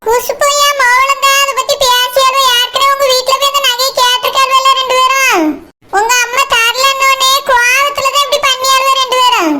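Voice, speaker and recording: A woman voicing a shrill stern household matron. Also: little pitch movement, moderate pace. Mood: scolding. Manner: scolding, firm. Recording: loud background noise.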